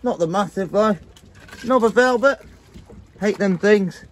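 His voice is high and a little slow as this fishing vlogger chats matily to viewers, using slangy everyday talk and often calling them guys. Recorded outdoors on a small boat via a camera or phone mic a few feet away, the sound is noisy, with faint boat and outdoor background.

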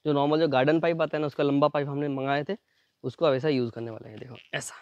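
A man doing a fast, chatty unboxing demo, pointing things out again and again as he shows each part. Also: on the high side, fairly even intonation, darkish tone, no room sound, dull audio. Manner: fast, chatty, repeats "ye dekho" constantly. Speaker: product reviewer. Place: at home near a building site.

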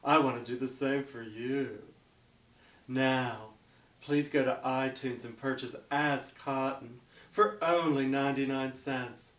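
Man playing a slow, grandiose drag diva infomercial hostess. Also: mid-range voice, steady tone, fairly bright tone, far from the mic. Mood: selling, sugary. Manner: grandiose, coy, theatrical. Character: sugary self-proclaimed mystical drag diva pitching her app. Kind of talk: parody hard sell infomercial pitch. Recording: echoey room, off the mic.

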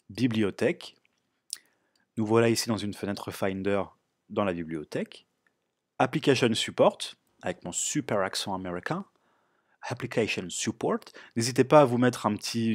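Man, low husky voice, relaxed step-by-step tutorial host, dry close mic. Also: no echo. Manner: relaxed, explanatory, frequent "euh" fillers. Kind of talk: screen-recorded tech tutorial.

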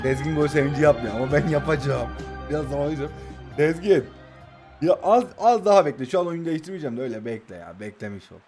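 Young man, high-pitched, teasing gameplay commentary, soft background music. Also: quick pace. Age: 20s. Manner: playful, taunting, bursts into excited match commentary. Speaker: mobile football gaming YouTuber.

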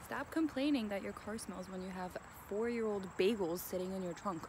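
A woman's voice: mid-range voice, brisk, noisy background. A woman chatting casually in a behind-the-scenes vlog, upbeat and full of "like". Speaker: model and vlogger. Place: outdoors in woods and a car.

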